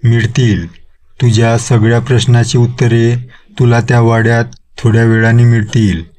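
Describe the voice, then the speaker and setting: A man's voice: mid-range voice, flat delivery, moderate pace, a little mellow, natural voice. A man voicing a stern, commanding old male guru who casts out a witch-ghost in a storybook horror tale. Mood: instructing. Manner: commanding, lecturing.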